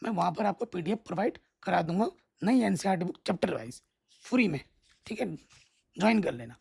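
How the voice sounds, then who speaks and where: A man with a gravelly, slightly husky voice teaches maths, going through the exam syllabus point by point. He instructs steadily and checks in with his students again and again. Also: sits high, expressive, a little fast, a little mellow. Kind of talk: exam syllabus walkthrough lesson.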